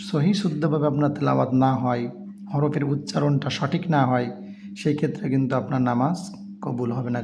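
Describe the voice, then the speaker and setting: A man teaching Quran reading step by step, spelling out each letter and vowel and then reciting slowly. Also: mid-range voice, gravelly, warm tone, a little hiss or hum.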